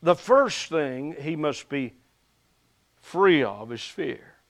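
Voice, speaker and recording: A man with an Appalachian accent delivers a folksy sermon at a very unhurried pace. His voice sits somewhat high for a man, and he stretches out key words as he tells his story. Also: animated. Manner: folksy, deliberate phrasing with drawn-out emphasis. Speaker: preacher.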